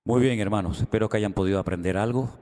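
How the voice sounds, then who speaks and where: A man's voice: fairly low pitch, fast talker, darkish tone. A man, preaching a sermon in a conversational, rambling way with restarts and asides. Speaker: pastor. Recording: hall with long reverb.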